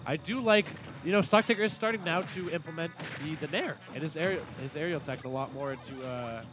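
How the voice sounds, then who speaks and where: A man's voice: on the high side, fast talker. A man giving live esports commentary, breaking down plays analytically with jokey asides. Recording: music playing behind.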